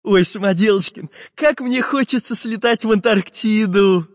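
A man's voice: high-pitched, expressive, fairly quick, dry recording, long reverb tail, dull audio, pitched above the performer's own voice. A man voicing a kind, dreamy magic painter who speaks eagerly.

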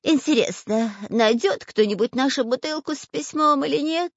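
A woman playing an excitable long-nosed spy. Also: high voice, moderate pace, no room sound. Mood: boastful. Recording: dry, dull lo-fi sound.

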